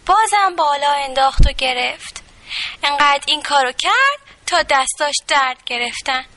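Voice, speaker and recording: A woman reads a children's bedtime story aloud with an expressive storyteller's delivery. Her voice sits high and sounds bright and clear. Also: no echo.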